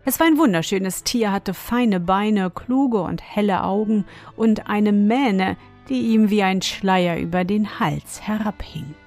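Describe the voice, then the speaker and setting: Slow, soft-spoken woman telling bedtime stories. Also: medium pitch. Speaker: podcast host and storyteller. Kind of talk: gentle bedtime story narration. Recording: faint music behind.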